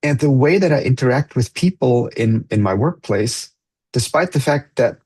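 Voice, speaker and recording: This podcast host's voice is husky, a bit breathy and a little mellow, sitting at an ordinary middle pitch. In a reflective conversation he talks earnestly and thoughtfully, often pausing while he looks for the right words.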